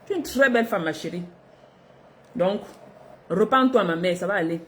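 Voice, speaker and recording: A middle-aged woman from Africa, telling a personal story to her viewers in a lively, expressive way, laughing between lines. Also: mid-range voice, normal speed. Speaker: vlogger.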